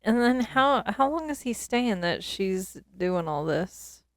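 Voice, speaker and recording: A woman's voice: mid-range voice, animated, takes it slowly, no room sound, clean studio sound. A woman co-hosting a podcast, chatting casually and asking curious questions. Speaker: podcast co-host. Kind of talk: casual chat.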